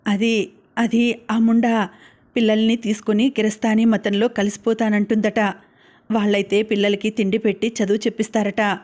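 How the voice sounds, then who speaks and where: An elderly grandmother in an audiobook story, grieving and pleading through halting, tearful words, acted by a woman narrator. Her voice stays level and narrow in pitch. She talks at a middling height. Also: flat delivery, a little mellow, natural voice. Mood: sorrowful.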